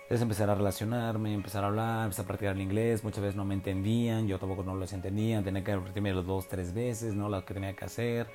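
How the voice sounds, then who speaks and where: Low, mellow-voiced young Mexican guy. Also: flat delivery, quick pace, hardly any pauses. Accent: Mexican Spanish. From Oaxaca, Mexico. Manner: slangy, chatty, full of fillers and tag questions. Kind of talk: casual personal storytelling.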